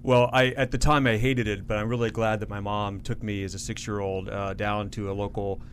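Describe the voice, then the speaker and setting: Earnest talkative man, lowish voice. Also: level tone, brisk, slight background noise. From Florida, United States. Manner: earnest, talkative, self-correcting. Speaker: guest, association CEO. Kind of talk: radio interview.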